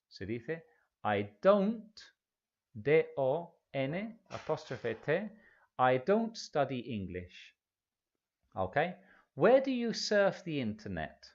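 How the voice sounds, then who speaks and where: A man giving a language lesson, patiently walking through example sentences and repeating them. He speaks slowly, and his pitch rises and falls with plenty of animation. The recording sounds a little dull and lo-fi. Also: darkish tone. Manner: slow, patient drilling with repeated example phrases. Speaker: English teacher. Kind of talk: language lesson explaining in Spanish.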